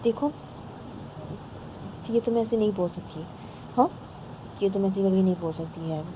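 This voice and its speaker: A woman voicing a quick-tempered middle-aged father who defends himself and snaps back. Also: mid-range voice, background noise, lightly acted. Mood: defensive. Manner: defensive, snapping.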